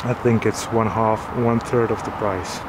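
A man explaining his boat's solar panels in a casual, halting way, with many fillers. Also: fairly low pitch, steady tone, background noise. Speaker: sailing vlogger.

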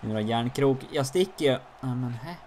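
A man giving casual commentary on his own hockey game, jumping high and loud during the plays. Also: animated, a little hiss or hum. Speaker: gaming YouTuber.

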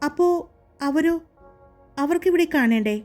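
A woman voicing a timid, gentle young woman in a soft, raised, pleading voice for a romance audiobook. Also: high voice, lively intonation, measured pace, soft background music. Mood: shy.

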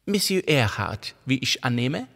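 A man voicing a calm, sharp-minded woman investigator in an audiobook, asking questions in a measured way. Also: mid-range voice, gravelly, long reverb tail, heavily acted. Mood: cool.

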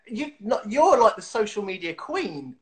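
A man in his thirties hosts a casual interview on a video call from a small room at home, using his webcam. His voice is high with big pitch swings, and he takes an unhurried pace. He's chatty and giggly, with lots of fillers and restarts.

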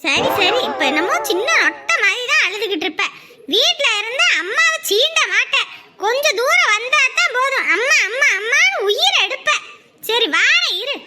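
A woman's voice: very high-pitched, expressive, moderate pace, very noisy. An actress playing a village mother who teases and scolds her crying young son with affection. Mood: teasing. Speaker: actor. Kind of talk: village drama acting.

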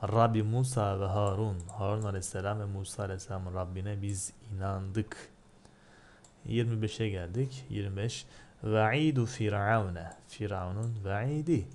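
Lower-voiced man teaching an Arabic text. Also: moderate pace, a little mellow, a little hiss or hum. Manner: explains word by word, asks and answers own questions; rises sharply when reciting Arabic phrases. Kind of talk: religious text lesson.

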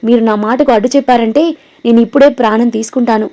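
Give me a scheming, theatrical woman as a female narrator reads her, with a mellow tone. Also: fairly high pitch, steady tone, fast, natural voice. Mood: accusing. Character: scheming woman, shrill and dramatic.

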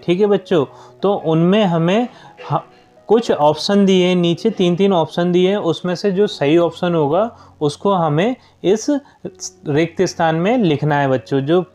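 Young male teacher, patient classroom explainer, mellow and fairly high voice. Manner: patient, keeps addressing children. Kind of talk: explaining a school worksheet.

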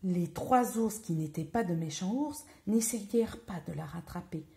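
A woman teacher reading a children's tale aloud, expressive, dropping to whispers at times. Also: on the low side, normal speed, gravelly.

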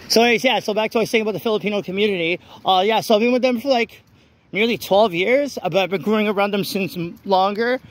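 With a high voice that runs a little fast and includes long pauses, a man vlogs while walking a wet city street at night. Holding his phone, he rants bluntly and keeps restarting.

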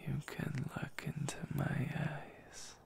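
Very slow whispered role-play, man reading love letter. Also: a little mellow. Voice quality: breathy whisper, creaky. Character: devoted, tender boyfriend reading his love letter. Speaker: ASMR boyfriend role-player.

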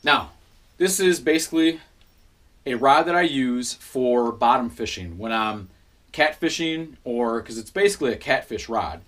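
Relaxed man rambling about his gear. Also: medium pitch, unhurried. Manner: relaxed, many fillers and self-corrections. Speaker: fishing channel host. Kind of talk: casual gear rundown to camera. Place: small room at home in front of a gear rack.

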